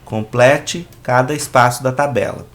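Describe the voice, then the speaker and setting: Man, Brazilian Portuguese accent, teacher, unhurried delivery, patient explaining, frequent check-ins. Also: mid-range voice, a little hiss or hum. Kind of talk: explaining a school worksheet.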